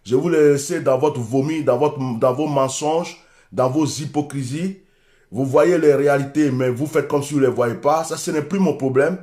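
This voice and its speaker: A man's voice: on the high side, moderate pace, a little mellow, roomy sound. A man with an Ivorian French accent, a preacher giving an urgent, repetitive livestream address. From Côte d'Ivoire. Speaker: preacher hosting a live stream.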